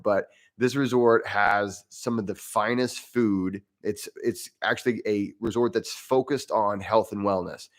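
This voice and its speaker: Low-pitched American man chatting casually. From United States. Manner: informal, rambling, with hesitant repeated phrases. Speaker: livestream host, breathwork instructor and English professor. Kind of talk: casual livestream chat, unscripted.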